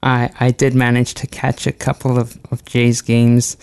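A man's voice: medium pitch, completely flat delivery, unhurried, creaky, a little mellow, smooth. A man chatting casually as producer and sidekick on a morning radio show, hesitating and repeating words. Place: radio studio.

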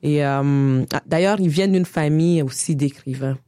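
A woman in her forties from Niger, with a Quebec French accent, telling her life story in a relaxed interview, full of hesitations and laughter. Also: sits low, normal speed, no room sound, studio quality. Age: 40s. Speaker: guest. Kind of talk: casual conversational interview.

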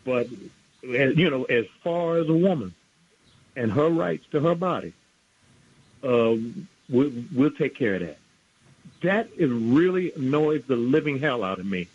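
A man's voice: mid-range voice, expressive, unhurried, pauses often, a little mellow, breathy edge. A man in his sixties from New York, calling in to a radio show over a clipped phone line and speaking bluntly and indignantly. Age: 60s. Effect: clipped, muffled phone line. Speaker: radio call-in caller. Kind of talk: phone-in opinion.

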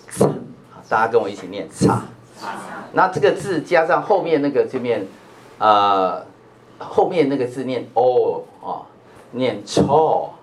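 A male pastor with a Taiwanese Mandarin accent, teaching a Bible class in a lively, chatty manner full of filler particles. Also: medium pitch. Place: church classroom.

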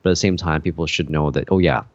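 Casting: low male podcast co-host, rambling casual talk, dry dull-sounding recording. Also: fast, dry recording. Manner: rambling, many fillers and restarts. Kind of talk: casual chat.

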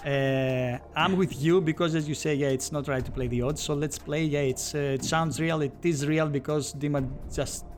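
Slightly high, hesitant man. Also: fairly even intonation, moderate pace, few pauses, faint music behind. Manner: hesitant, filler-heavy. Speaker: podcast co-host. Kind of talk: casual chat.

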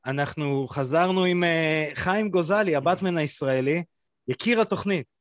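Halting man hosting a podcast. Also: on the high side, dry recording, studio quality. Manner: relaxed, halting, lots of filler sounds. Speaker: podcast host. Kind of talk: casual podcast chat.

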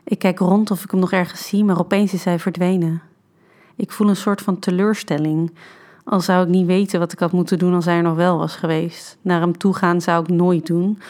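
A woman reading a scripted first-person erotic story in a calm, even manner. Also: fairly low pitch, moderate pace. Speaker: narrator.

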